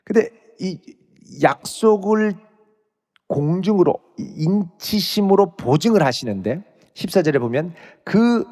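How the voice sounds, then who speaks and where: A man's voice: high voice, lively intonation, measured pace, darkish tone. A male pastor giving an expository sermon, reading scripture aloud and explaining it verse by verse. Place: church sanctuary. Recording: church sanctuary with long reverb.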